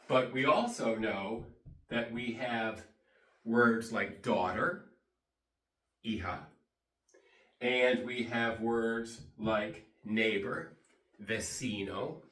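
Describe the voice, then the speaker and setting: A man teaching English pronunciation in a deliberate way, repeating and spelling words and giving Spanish translations, recorded in an echoey room. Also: medium pitch, fairly bright tone. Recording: echoey room, distant microphone.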